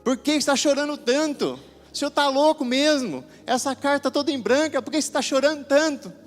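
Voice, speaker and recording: A woman's voice: high voice, fast talker, in a large hall, soft background music, voice pushed up, close to an everyday voice. A man voicing a puzzled, coaxing counselor lady. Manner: coaxing, rising questions. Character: caring female counselor, puzzled and insistent.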